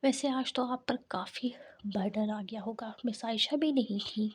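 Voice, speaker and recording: A woman's voice: fairly high pitch, slightly rough. A woman whispering as a teasing young male coworker. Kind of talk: whispered role-play.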